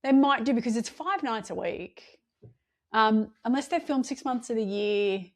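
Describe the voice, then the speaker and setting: A woman co-hosting a casual chat podcast, chatty with quick self-mocking asides. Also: a little high. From Australia. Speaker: podcast co-host. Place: home or work, remote recording.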